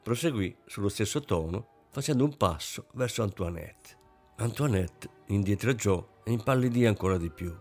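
Male audiobook narrator, dramatic and expressive, soft music bed. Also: on the low side, normal speed. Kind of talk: audiobook reading of a novel.

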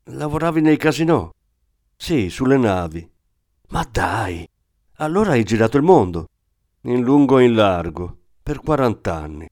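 A man's voice: mid-range voice, darkish tone. A man voicing a crude, hot-tempered male thief from the Rimini area who blusters and swears. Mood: curious. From Rimini area, Italy. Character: crude excitable small-time male thief.

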